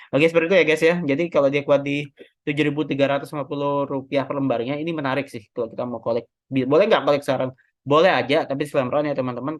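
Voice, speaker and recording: Seorang pria Indonesia membahas analisis teknikal saham dengan santai, sering mengoreksi angka dan memakai banyak kata pengisi. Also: male voice, medium pitch, no echo. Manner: chatty, self-correcting, many fillers. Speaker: stock market analyst. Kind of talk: casual technical analysis walkthrough.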